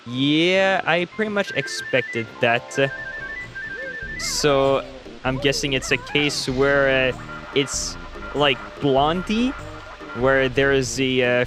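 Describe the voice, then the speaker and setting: A man hosting a gaming video, chatting casually and rambling uncertainly with lots of fillers. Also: medium pitch. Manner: rambling, unsure, many fillers. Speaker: gaming channel host. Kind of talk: casual gameplay commentary.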